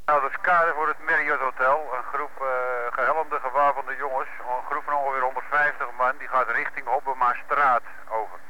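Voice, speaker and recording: A man's voice: medium pitch, fairly even intonation, moderate pace, hardly any pauses, pushed and bright. A man reporting to dispatch over a police two-way radio, in clipped radio procedure that ends each message with "over". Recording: muffled lo-fi radio with static hiss.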